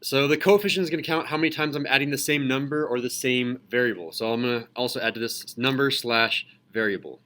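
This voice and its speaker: A man teaches a math lesson to a class in a classroom lecture, asking questions and calling on students. His medium-pitched voice is fast, a bit bright, with few pauses.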